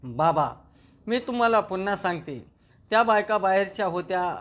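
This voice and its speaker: A woman's voice: mid-range voice, expressive, normal speed, natural voice. A man reading as an earnest young woman. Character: young woman, earnest and reasoning daughter-in-law.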